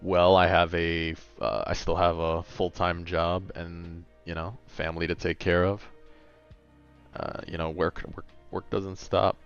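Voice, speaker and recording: A man's voice: low voice, flat delivery, unhurried, gravelly, clean tone, highs cut off, faint music behind. A man in his late twenties chatting casually on a gaming livestream, laid-back and a bit tired, rambling as he answers chat. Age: late 20s.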